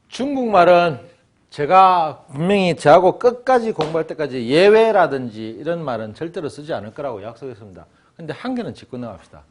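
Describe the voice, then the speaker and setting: A man gives a Chinese lesson, his voice sitting a little high and swinging widely up and down. He jokes as he teaches and acts out small scenes. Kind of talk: lively classroom lecture.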